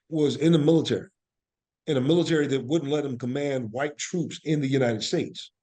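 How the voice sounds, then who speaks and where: With a mid-range, darkish voice, a male actor and playwright responds as an interview guest. His talk is reflective and conversational, and he explains with earnest conviction, repeating himself for emphasis.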